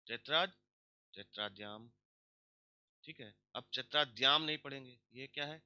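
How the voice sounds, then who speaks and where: A man teaching a grammar lesson, drawing out example words slowly and asking himself questions before answering them. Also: mid-range voice, bright, forceful tone, no echo. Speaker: language teacher.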